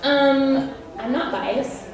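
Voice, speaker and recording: Brief: high-voiced woman, lively panel speaker, recorded from afar in a big echoing convention room. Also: extremely slow, a crowd in the background. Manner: chatty and animated, laughs often, quizzes the audience. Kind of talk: convention panel talk to an audience. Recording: very echoey hall from a distance.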